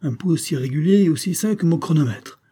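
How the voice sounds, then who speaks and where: A man reading an audiobook, voicing a hearty, blustering, excitable male doctor. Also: a little high, fast, slightly rough, pitched above the performer's own voice. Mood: gleeful. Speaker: neurologist.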